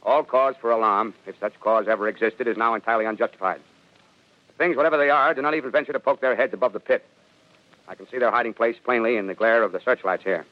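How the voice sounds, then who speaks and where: Actor as a fast-talking army captain, old radio. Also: male voice, mid-range voice, dry recording, close to an everyday voice. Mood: confident, brisk. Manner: clipped military field report. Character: confident male army captain reporting from battlefield. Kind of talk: old 1930s radio drama acting. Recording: dull vintage 1930s radio recording.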